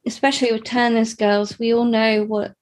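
A woman's voice: on the high side, flat delivery, moderate pace, darkish tone. A young woman from the UK, talking hesitantly about her life in an interview, with many fillers and restarts. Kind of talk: personal interview.

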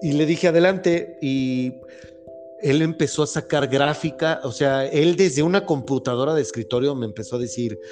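A man hosts a faith podcast in an earnest, rambling way, circling back and restarting his sentences. His voice sits at an ordinary middle pitch. Soft music plays faintly behind him. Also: normal speed. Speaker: podcast host. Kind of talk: casual faith-based podcast conversation.

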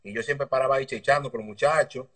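A man's voice: mid-range voice, quick pace. Dominican man on a distant call. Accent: Dominican Spanish. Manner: relaxed, rambling anecdotes with slang. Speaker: guest, motorbike mechanic. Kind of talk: casual interview storytelling. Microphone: video call. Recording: distant video call audio.

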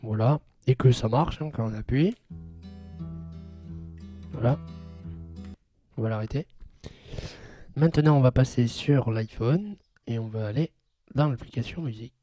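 A man hosting a casual tech tutorial podcast, informal and hesitant as he thinks aloud, with low-quality homemade sound. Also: unhurried, pauses often, mellow, soft background music. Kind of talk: casual spoken demonstration. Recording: low-quality sound from an old mixing desk.

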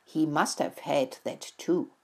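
A woman's voice: low voice, slow pace, mellow, breathy edge, heavily acted. A woman voicing a knowing young male mouse in a storybook reading, explaining matter-of-factly.

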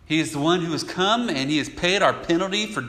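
Male pastor, sermon, bright clear voice, conversational and emphatic, long hall reverb. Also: fairly high pitch, expressive, brisk.

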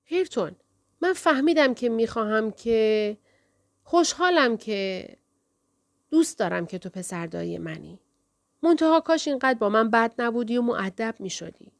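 A woman's voice: a little high, expressive, vocal fry, no echo. A woman voicing a proud, headstrong young woman who coaxes and insists, near tears. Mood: coaxing. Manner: insistent, coaxing, close to tears.

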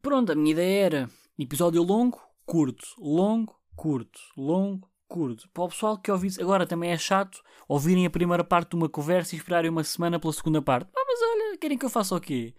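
A man's voice: fairly high pitch, lively intonation, rapid-fire, hardly any pauses, no echo, studio quality. A man in his twenties with a European Portuguese accent, hosting a casual solo podcast, rambling and swearing with many restarts. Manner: rambling and profane, with frequent restarts and fillers. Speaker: podcast host.

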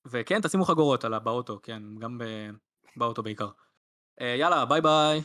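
A young man co-hosts a podcast. He speaks in a casual, conversational way. His voice is medium in pitch. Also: animated, sharp tone. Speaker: podcast co-host. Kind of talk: casual chat.

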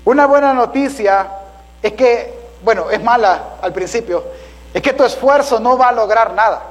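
High-voiced man preaching a sermon. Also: normal speed, poor audio. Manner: preaching, addresses listeners as brother, asks rhetorical questions. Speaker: pastor.

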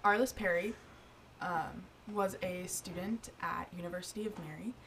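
A woman telling a ghost story in casual podcast chat, pausing often with ums. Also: on the low side, a bit bright. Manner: hesitant, many ums. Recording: distant mic with faint noise.

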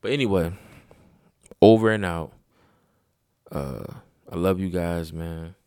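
A man's voice: sits low, takes it slowly, a little mellow, smooth, dry recording, studio quality. A sleepy man rambling profanely in a casual late-night monologue from his room, repeating himself as he talks. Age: adult father. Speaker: host.

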